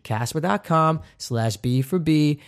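A man's voice: fairly high pitch, animated, measured pace, smooth. A man in his thirties hosting a podcast, chatting casually and joking through upbeat ad reads. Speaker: podcast host.

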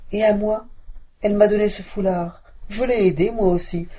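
A woman's voice: medium pitch, steady tone, normal speed, dark tone, a little hiss or hum, pitched above the performer's own voice, natural voice. A woman voicing a young servant girl who defies her mistress, in a fairy tale read aloud. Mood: defiant.

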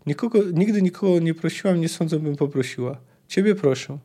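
A man's voice: fairly high pitch, fairly quick, dark tone, breathy edge, voice pushed up. Man reading as a proud, scorned sorceress. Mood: pleading. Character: proud scorned sorceress, a woman in her prime.

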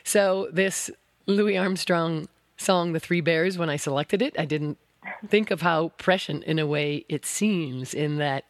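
A woman's voice: sits low, a little slow, dry recording. Woman, American accent, radio science host, scripted introductions and interviewing, dry close studio sound.

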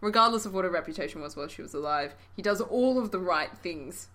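A woman's voice: on the low side, expressive, fast talker, fairly bright tone. A woman co-hosting a casual history podcast, talking in a playful, dryly humorous way. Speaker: podcast co-host.

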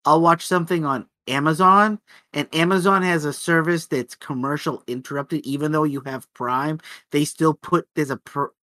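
A man with a bright, fairly high voice co-hosts a casual film podcast. He talks animatedly and often stammers through restarts before getting his point out. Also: steady tone, moderate pace. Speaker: podcast co-host.

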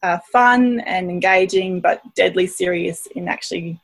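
A woman's voice: on the low side, moderate pace. An Australian woman in her thirties, a podcast guest chatting casually and enthusiastically, laughing often. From Brisbane, Australia. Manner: enthusiastic, laughs often, thinks aloud with fillers. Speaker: guest, permaculture designer.

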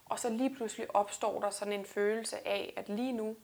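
Woman weightlifter chatting in an interview, bit of vocal fry, thoughtful and earnest. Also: medium pitch, steady tone, darkish tone. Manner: reflective, earnest, many restarts and fillers. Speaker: guest weightlifter. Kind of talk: casual interview chat.

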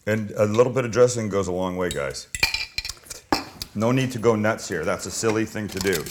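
Low-voiced man hosting a casual cooking show. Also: moderate pace. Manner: chatty, informal, opinionated cooking show host delivery. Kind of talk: casual cooking demonstration, talking viewers through steps. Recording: clear background noise with kitchen clatter.

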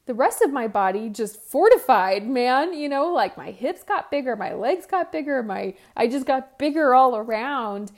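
A woman in her thirties hosts a solo podcast, fielding listener questions in a candid, chatty manner with frequent restarts and self-deprecating asides. Her high-sitting voice is expressive, at a normal speed with hardly any pauses.

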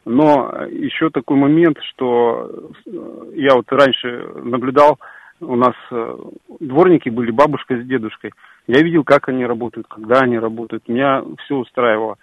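Male radio caller, heard through a dull phone line, halting, lots of fillers. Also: medium pitch, no room sound. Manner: hesitant, many fillers and restarts. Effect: heard over a phone line. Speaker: radio call-in listener. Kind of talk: casual call-in opinion. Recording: muffled phone line, dry.

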